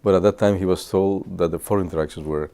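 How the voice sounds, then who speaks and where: A very low, gravelly man reminisces to students. His voice is dark and mellow. He speaks in a halting way and pauses often on "uh". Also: steady tone. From Guatemala. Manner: halting, with many filler pauses. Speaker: physicist.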